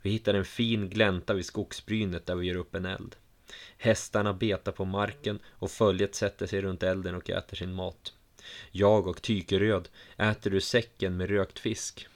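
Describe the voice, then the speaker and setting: A man reading a first-person adventure story aloud in a calm, measured way. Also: sits low. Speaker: narrator. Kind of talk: first-person audiobook narration.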